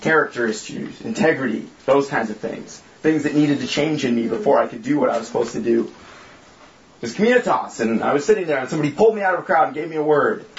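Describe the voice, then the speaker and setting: In a dull, lo-fi recording from an echoey room, a young church group leader gives a candid informal sermon that pokes fun at himself and imitates the voices he quotes. He talks fast at medium pitch, with slight background noise.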